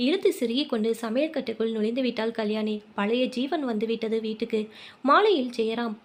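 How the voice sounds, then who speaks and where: A woman with a somewhat high voice reads a family short story aloud. She narrates and speaks each character's lines with little change in her own voice. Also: a little fast. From Tamil Nadu, India.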